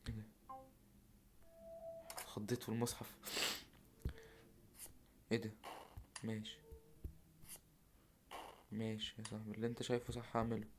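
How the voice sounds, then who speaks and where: A man's voice: on the low side, completely flat delivery, moderate pace, pauses often, background noise. Young Egyptian man muttering through a game. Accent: Egyptian Arabic. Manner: muttering to himself, with sudden yelling bursts. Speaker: gamer streamer. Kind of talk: casual gameplay commentary.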